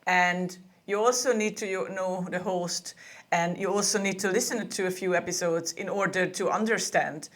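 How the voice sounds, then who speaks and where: A woman speaks in a fairly low voice. She talks in a chatty, easygoing way, often restarting her phrases. She sounds like a guest on a remote interview. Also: fairly even intonation, normal speed, fairly bright tone. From Hungary. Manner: chatty, with frequent laughs and restarts. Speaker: podcast booking agency co-owner, guest. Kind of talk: casual interview conversation.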